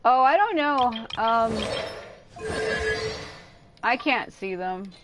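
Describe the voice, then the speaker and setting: A woman speaks at medium pitch during a casual game livestream, with game music and other background noise behind her. She rambles informally and swears casually at times.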